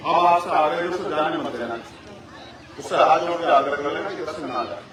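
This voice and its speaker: A man's voice: fairly high pitch, moderate pace. A man giving an impassioned political speech at an outdoor election rally, stopping now and then to direct the crowd. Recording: echoey loudspeaker sound from far off with crowd noise. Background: large crowd.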